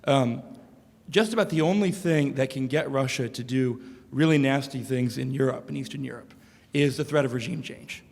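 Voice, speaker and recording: Gravelly, hoarse man asking a question. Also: mid-range voice, darkish tone. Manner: halting, many filler sounds. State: losing his voice. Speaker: audience questioner. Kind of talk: audience question at a talk. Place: lecture hall. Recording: long hall reverb.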